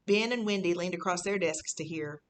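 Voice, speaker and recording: A woman reads a first-person children's audiobook as a sneaky, boastful fifth-grade boy, telling his tale in a casual, conspiratorial way that sounds impressed and pleased. Her voice is lowish, near everyday, fairly quick, with a little hiss or hum.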